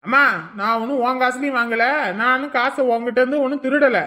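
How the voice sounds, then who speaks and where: A woman's voice: high-pitched, steady tone, fairly quick, pushed and bright. A woman playing a cheeky, offhand young adult son in a comedy sketch. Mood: defensive.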